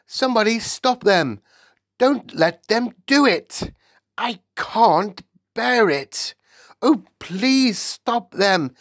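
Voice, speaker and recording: A woman's voice: mid-range voice, darkish tone, no echo, studio quality, voice pushed up. A narrator voicing an older queen who is upset by a terrible nightmare, crying out and shaken. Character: older queen, distressed sleeper.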